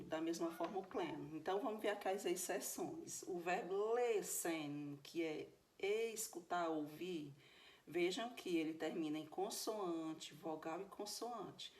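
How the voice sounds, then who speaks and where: A woman's voice: fairly low pitch, darkish tone. A woman with a Brazilian Portuguese accent teaching English grammar in a recorded video lesson, explaining step by step and often checking that her students follow.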